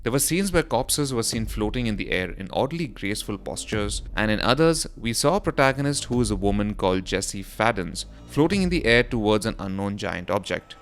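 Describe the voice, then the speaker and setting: A man with a lowish, fairly bright voice reads a scripted voice-over as presenter of a gaming news roundup. Background music plays behind him.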